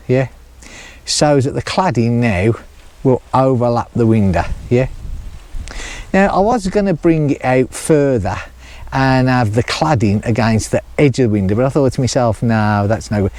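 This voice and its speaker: A man's voice: medium pitch, darkish tone. A middle-aged man chatting casually to camera outdoors, rambling and laughing often as he explains his building work. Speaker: vlogger building a chalet.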